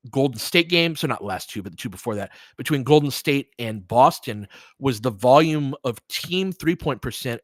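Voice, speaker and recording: This man hosts a sports stream as a podcaster and live play-by-play commentator, talking casually with his audience and giving commentary in a reflective, slightly hesitant, conversational style. He speaks at a medium pitch, and there is no room sound.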